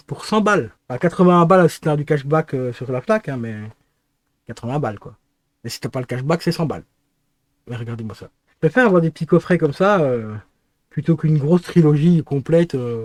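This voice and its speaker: Man, collector chat, slightly high voice, mellow tone, lots of fillers, corrects himself often. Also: no echo. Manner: hesitant, many fillers and self-corrections; relaxed, chatty, uses slang. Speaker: film collector and channel host. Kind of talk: casual talk showing a DVD collection.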